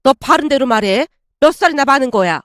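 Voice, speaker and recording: A woman's voice: high voice, expressive, a little fast, no room sound, clean studio sound. A woman voicing an anxious middle-aged mother who frets and scolds. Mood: scolding. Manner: fretful and scolding.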